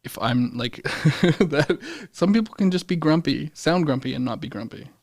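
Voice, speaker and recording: A man co-hosting a podcast, talking casually and bluntly in a low-key voice that people take for grumpy, often laughing through his stories. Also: expressive, moderate pace, creaky. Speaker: podcast co-host. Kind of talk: casual chat.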